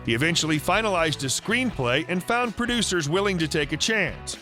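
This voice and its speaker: Bright, high-voiced male narrator. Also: expressive, fairly quick, faint music behind. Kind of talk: scripted biographical narration.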